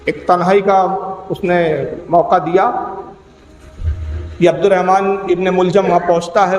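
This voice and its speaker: A man's voice: high voice, a little mellow, dull audio. A man with a Pakistani accent preaching an emotional storytelling sermon, acting out the voices of the people in his story. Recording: echoey hall with faint hum.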